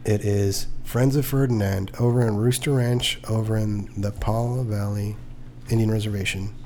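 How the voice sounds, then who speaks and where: A man's voice: lowish voice, steady tone, normal speed, darkish tone, slight background noise. A man hosting a casual podcast, joking and rambling, with some swearing. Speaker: podcast host.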